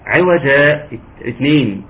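A man with an Egyptian accent teaching a tajweed lesson, patient and encouraging, sometimes slowing into drawn-out recitation. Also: mid-range voice, animated. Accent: Egyptian Arabic. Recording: narrow phone-like audio, faint hiss.

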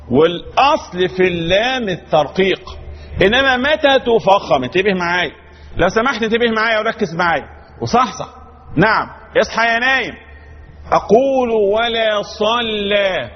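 A high-pitched Egyptian man teaches Quran recitation, pressing his points with emphatic repetition and calling on students to pay attention. His voice rings with a long hall reverb. The sound is dull and lo-fi. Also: husky. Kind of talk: teaching a class.

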